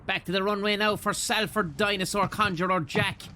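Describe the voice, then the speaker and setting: A British man giving deadpan, jokey voice-over commentary on a comedy game show. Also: high-pitched, moderate pace, background noise. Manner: deadpan, absurd wisecracks. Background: loud music.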